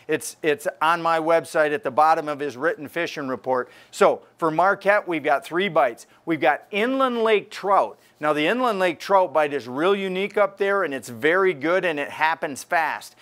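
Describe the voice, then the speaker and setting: An older man delivers a fishing report in a lively, conversational way. His voice sits a bit high for a man. He talks straight to the camera from inside a tackle store. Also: normal speed, hardly any pauses. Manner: energetic, gestures while talking to camera.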